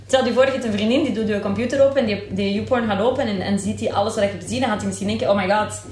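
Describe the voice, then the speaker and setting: A woman's voice: medium pitch, rapid-fire, a little mellow. A woman with a Flemish accent chatting candidly and informally, with English exclamations mixed in. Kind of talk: casual, candid group chat. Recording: echoey room.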